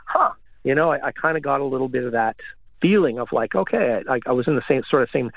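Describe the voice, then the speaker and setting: Guest, rambling storyteller, tinny dry phone line. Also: male voice, mid-range voice, fast talker, gravelly, no echo. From Canada. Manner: rambling, many fillers. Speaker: guest, recording engineer. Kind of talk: casual storytelling.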